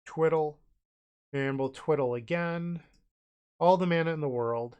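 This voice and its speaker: With a slightly high, somewhat slow voice that's darkish, clear and resonant, this man has a cold and sounds stuffed up and nasal. He casually narrates each move of his online card game as he thinks it through.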